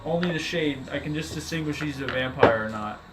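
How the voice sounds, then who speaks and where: A man's voice: fairly high pitch, a little fast, crowd noise, poor audio. A man, a player, explaining his dice rolls hesitantly at a tabletop role-playing game. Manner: hesitant, with fillers and restarts. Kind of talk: tabletop role-play chat.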